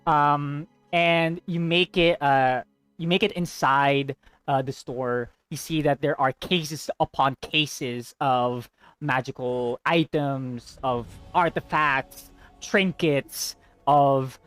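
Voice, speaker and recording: A man narrating as game master of a tabletop game, halting with many fillers. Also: medium pitch, fairly even intonation, a bit bright, smooth, faint music behind.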